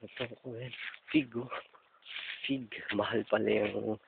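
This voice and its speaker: A man's voice: lowish voice, very animated, gravelly. A man giving a casual walking tour outdoors, pointing things out and a little out of breath from climbing. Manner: points things out with repeated "ayan", slow and unhurried. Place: outdoors on a hillside property. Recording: tinny lo-fi phone-like audio, loud noise.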